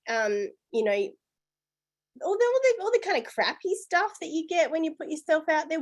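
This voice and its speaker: A woman leading her business team, giving a chatty, upbeat motivational talk full of "you know" and "guys". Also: a little high. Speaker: business team leader and coach.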